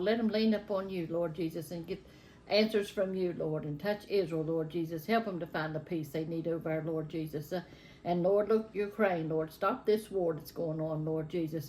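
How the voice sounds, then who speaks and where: Older southern lady w a real drawl, plain spoken homey vlog talk, crackly fry in her voice, bit of background noise. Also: on the low side, a little mellow. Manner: folksy, plain-spoken, repetitive in prayer. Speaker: home cooking vlogger. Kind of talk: casual chat and spontaneous prayer.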